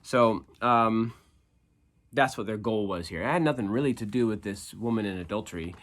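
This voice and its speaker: A man's voice: fairly low pitch, moderate pace. A man speaking as an upbeat youth pastor, giving an informal, conversational devotional with slangy phrasing and emphatic repetition. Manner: upbeat youth-pastor delivery, casual and animated. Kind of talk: informal youth devotional talk with scripture reading.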